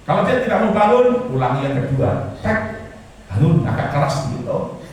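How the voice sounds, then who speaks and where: A middle-aged man preaches a sermon in a slightly raised voice. He punches some words loudly and lets others fall quiet. The recording is made from far away in a very echoey church hall, with a faint hiss underneath. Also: high-pitched, big pitch swings, normal speed. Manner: emphatic, preaching with sudden loud and soft swings. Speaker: pastor.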